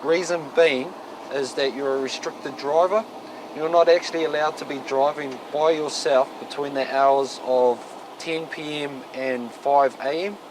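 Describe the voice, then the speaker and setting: A man's voice: on the high side, fairly even intonation, a little slow. A man with a broad New Zealand accent, a police officer speaking bluntly and firmly in colloquial language to members of the public. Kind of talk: on-the-job talk with members of the public. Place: outdoors on a residential street. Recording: noisy outdoor location sound with traffic.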